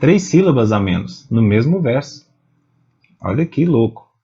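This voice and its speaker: A man teaching poetry, explaining slowly and patiently and spelling out syllables one at a time. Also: medium pitch, very animated, mellow, slightly rough, dull audio. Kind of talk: explaining step by step.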